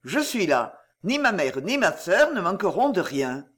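A man voicing a resolute young son in an audiobook, speaking firmly and briskly in a lowered voice. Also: very animated, a bit bright, slightly rough, heavily acted. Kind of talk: audiobook character reading.

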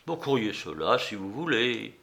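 A man voicing a proud, evasive gentleman under arrest who speaks with restrained anger. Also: on the low side, sing-song, unhurried, creaky, full character voice. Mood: defiant.

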